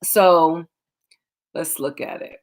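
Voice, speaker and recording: A woman's voice: deep voice, slow pace. A woman giving casual Bible teaching as host of her web show, talking conversationally and acting out scripture scenes in quoted voices.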